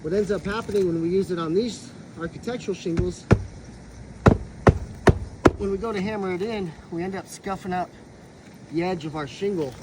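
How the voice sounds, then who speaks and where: A man's voice: sits high, moderate pace, long pauses. A man, a roofing contractor, explaining a repair in a practical, plain-spoken way while out of breath on a roof. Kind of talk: casual on-the-job explanation. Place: outdoors on a roof. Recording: noisy outdoor recording.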